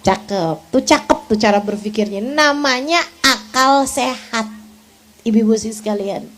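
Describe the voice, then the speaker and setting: Seorang pendakwah perempuan paruh baya yang berceramah kepada ibu-ibu dengan gaya bercerita yang hidup dan sesekali tertawa. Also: female voice, fairly high pitch, unhurried, a faint crowd, a little hiss or hum. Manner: lively, animated storytelling with laughs. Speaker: preacher. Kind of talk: religious lecture to women.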